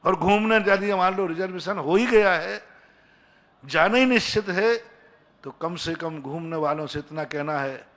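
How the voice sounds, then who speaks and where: Fairly high-voiced monk preaching. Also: male voice, measured pace, a bit bright. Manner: pleading, repetitive exhortation with dialogue-like anecdotes. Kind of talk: sermon.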